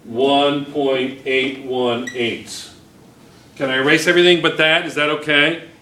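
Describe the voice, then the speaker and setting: Recorded from a far-off camera in an echoey classroom, a middle-aged chemistry teacher works through problems on the whiteboard, constantly questioning and encouraging his class. His mid-range voice is unhurried and fairly even in intonation, with a pushed, bright quality.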